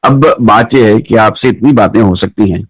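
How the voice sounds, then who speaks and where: A man's voice: on the low side, normal speed, breathy edge, no echo, low-quality recording. A man from Pakistan hosting a radio sports program, interviewing a guest politely and formally. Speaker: radio sports show host.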